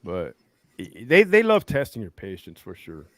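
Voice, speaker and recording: A retired corrections lieutenant telling stories as a guest, swearing freely and acting out what people said. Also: male voice, fairly low pitch, normal speed, dry recording. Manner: profane, animated, acts out quoted lines. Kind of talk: casual storytelling interview.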